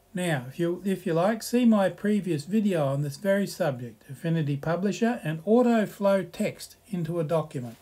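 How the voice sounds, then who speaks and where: Male tutorial narrator, slightly higher voice, relaxed explanatory delivery over slides. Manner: relaxed, explanatory, reads slides aloud with asides. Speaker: software tutorial presenter.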